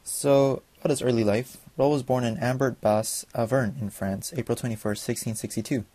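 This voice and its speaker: A young man, a student, reading a school presentation from notes, fast and with small slips and restarts. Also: mid-range voice, steady tone, dark tone, no room sound.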